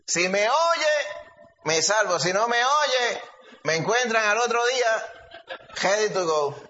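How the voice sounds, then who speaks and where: A man's voice: high-pitched, lively intonation, takes it slowly, sharp tone, a little hiss or hum, voice pushed up, full character voice. A man voicing a desperate trapped male house cat pleading for rescue. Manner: pleading, bargaining with itself. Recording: dull lo-fi recording.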